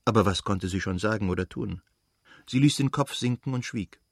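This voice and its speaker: A man with a husky voice narrating a novel in a measured, even manner. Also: lowish voice, no echo, studio quality. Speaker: audiobook narrator.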